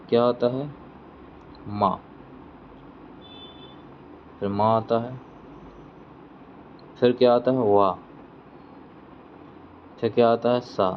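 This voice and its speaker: A man's voice: mid-range voice, level tone, slow pace, pauses often. A man teaching an exam-prep Hindi grammar lesson, who reads each question aloud, repeats it, and then answers it himself step by step. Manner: explains step by step, checking in with "theek hai". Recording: dull lo-fi sound with faint vehicle noise.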